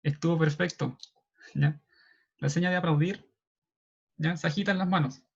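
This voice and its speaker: A man with a Chilean Spanish accent explaining signs in an online class, checking in often with a quick questioning "ya". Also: a little high, steady tone, vocal fry, husky. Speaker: sign language class moderator. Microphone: video call. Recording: dull lo-fi video call audio.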